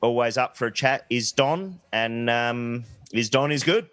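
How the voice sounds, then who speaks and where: A man's voice: mid-range voice, unhurried, fairly bright tone, no room sound. A man co-hosting a casual podcast in a blokey, irreverent way. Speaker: podcast host. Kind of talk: casual chat.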